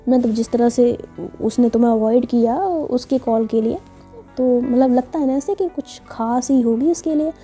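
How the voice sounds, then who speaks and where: A woman's voice: fairly high pitch, fairly even intonation, moderate pace, mellow, faint music behind, natural voice. A woman voicing a sly, teasing young friend. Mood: sly, probing. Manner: pleading, then probing and insinuating.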